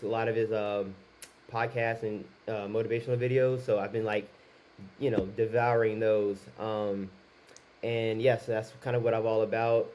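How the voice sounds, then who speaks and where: With a darkish voice on the low side, a YouTuber in his twenties chats casually to camera in his first video. He's candid, drifts a little, and restarts his sentences.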